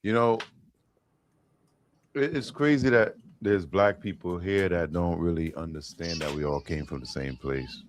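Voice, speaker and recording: A man's voice: low-pitched, a little slow, a little hiss or hum. A man co-hosting a casual panel chat, laid-back and reflective. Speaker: co-host of a panel show.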